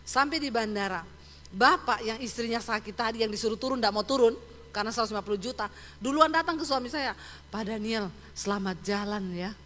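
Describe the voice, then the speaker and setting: Brief: woman preacher, animated storytelling sermon, reverberant hall. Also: on the high side, quick pace, a little hiss or hum. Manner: animated storytelling with many asides to the congregation. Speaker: pastor. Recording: echoey hall.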